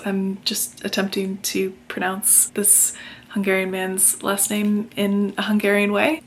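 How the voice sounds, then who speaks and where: Late-20s woman vlogger, chatty and careful, even delivery, faint noise underneath. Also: mid-range voice. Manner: measured, chatty, explains carefully. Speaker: book vlogger. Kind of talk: casual vlog narration.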